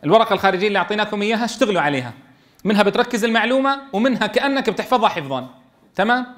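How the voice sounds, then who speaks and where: A man's voice: high-pitched, animated, very fast, fairly bright tone. A man leading a classroom tajweed lesson for Quran teachers, explaining step by step and checking in with his students.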